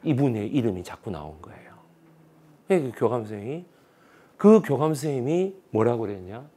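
A man's voice: mid-range voice, moderate pace, slightly rough. A man with a Busan Gyeongsang accent giving a history lecture as a story, acting out the voices of the people he quotes. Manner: animated, acts out quoted voices.

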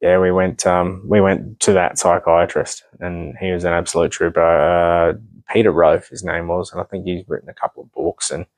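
A man's voice: low voice, level tone, normal speed, no room sound. A young man telling his own story as a podcast guest, blunt and full of swearing, with rambling asides. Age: young adult. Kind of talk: candid personal storytelling.

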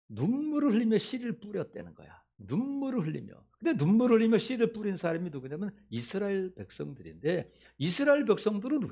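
A man's voice: high voice, mellow, breathy edge. A middle-aged man preaching a sermon as a pastor, in a conversational way, acting out the voices he quotes.

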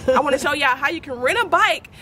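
A woman's voice: sits high, fast talker, bright, forceful tone, slight background noise. A young woman vlogging casually to camera, chatty and calling her viewers y'all, filmed on a handheld phone. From St. Louis, USA. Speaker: motorcycle vlogger. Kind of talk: casual vlog talk to camera.

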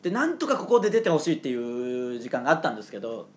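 A man co-hosting a casual comedy radio chat, talking in rapid-fire bursts with a slightly hoarse voice. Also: mid-range voice, big pitch swings, a little mellow. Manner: fast rapid-fire talk. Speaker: comedy duo member, radio host.

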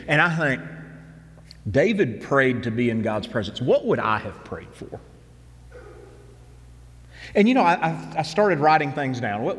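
Speaking from a church stage, a male pastor in his fifties preaches in an earnest, conversational way with repeated phrases. His pitch is medium, and a long reverb tail trails his words.

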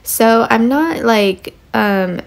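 A woman's voice: on the high side, extremely slow, creaky. A mother narrating her home cleaning in a casual, rambling way with many fillers. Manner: relaxed, rambling, lots of fillers.

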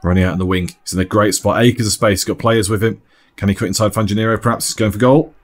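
Guy doing chill football commentary, lowish voice, chuckles a lot. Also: quick pace. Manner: relaxed, chatty, laughs often. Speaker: match commentator. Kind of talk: sports commentary voice-over.

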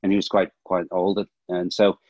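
A man's voice: deep voice, monotone, normal speed, a little mellow, no echo. A man in his fifties, a film director and history professor, giving long reflective answers in a video-call interview. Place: small home room indoors. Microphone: laptop webcam on video call. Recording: dull lo-fi video-call audio.

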